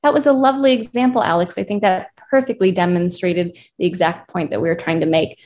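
A woman's voice: fairly low pitch, quick pace, darkish tone. A woman from the United States, a clinician, giving earnest advice as a guest in a conversational interview. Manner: earnest, advising, builds points in lists.

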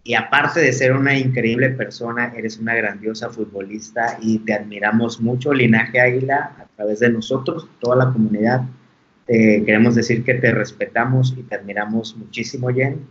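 Effusive middle-aged Mexican man, muffled audio. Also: on the low side. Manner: effusive, complimentary. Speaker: co-host. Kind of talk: casual interview talk. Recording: dull lo-fi audio.

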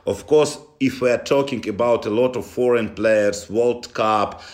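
A man with a Russian accent answering interview questions in halting non-native English, often dropping articles. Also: medium pitch, a little mellow. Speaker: interview guest from a football club.

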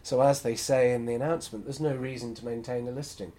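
A man's voice: medium pitch, fairly even intonation, fast, dark tone. A man hosting a solo podcast, talking frankly and with strong opinions as he thinks aloud. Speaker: podcast host.

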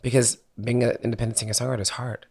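His mid-range voice is gravelly and a little mellow, with a level tone, and he races through his words. He's a young singer-songwriter from Philadelphia giving an interview, candid and easygoing, laughing readily and cursing now and then.

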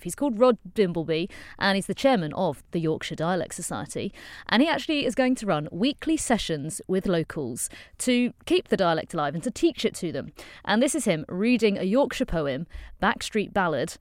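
A woman co-hosting a daily news podcast, presenting stories in a brisk, conversational way. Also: mid-range voice, sing-song, dry recording.

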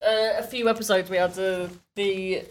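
A woman's voice: mid-range voice, steady tone, normal speed. A woman co-hosting a comedy podcast, telling rambling stories in casual chat with frequent self-corrections and giggles. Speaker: podcast co-host.

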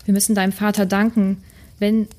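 A woman's voice: mid-range voice, flat delivery, fairly quick, a little mellow, lightly acted. A woman voicing an irritated, uneasy teenage boy wizard in a breathless read-aloud. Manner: breathless reading.

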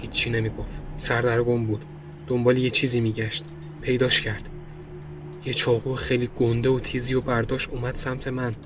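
A man narrating a first-person horror story in a grim, low tone, also hosting the podcast. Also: little pitch movement, background noise.

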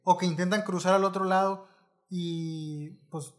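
A man hosts a relaxed podcast chat. His voice is fairly high, and he feels his way through questions with pauses and fillers. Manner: hesitant, halting questions. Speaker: podcast host. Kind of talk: casual interview chat.

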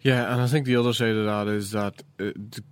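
A man's voice: lowish voice, fairly even intonation, fast, clear, resonant tone, dry recording. An Irish man giving casual sports analysis as a pundit.

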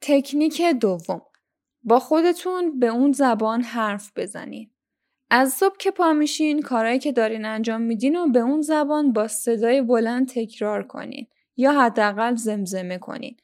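A young woman from Iran hosts a language-learning podcast, her voice sitting a little on the high side. She explains each tip in a clear, instructive way, speaking straight to her listeners as she works through the episode. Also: a little mellow. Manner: instructive, addresses listeners directly. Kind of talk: scripted podcast lesson.

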